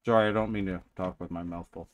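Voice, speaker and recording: A man's voice: deep voice, steady tone, fast. A man hosting a live game stream, coaching other players and joking around. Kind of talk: casual gaming chat.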